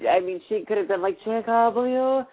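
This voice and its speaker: A young man with a high voice co-hosts a casual podcast chat, speaking a little fast. He rambles anxiously with many restarts and fillers, and the recording sounds tinny, like a phone.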